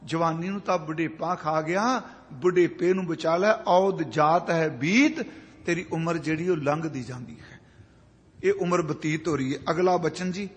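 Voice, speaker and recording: A high-pitched man in his fifties preaches a sermon. He chants scripture lines slowly, then breaks down each word in plain, everyday speech. His voice rings with a long reverb, as if in a large hall. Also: steady tone. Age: 50s. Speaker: Sikh preacher.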